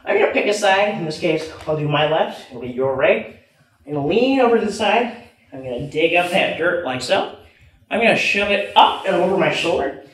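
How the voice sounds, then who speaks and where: Speaking at a moderate pace with an animated, fairly bright voice that sits high, this young jiu-jitsu instructor moves around the floor demonstrating techniques as he coaches. He's indoors in a matted martial arts room. The audio picks up room echo and background noise from a mic placed far away.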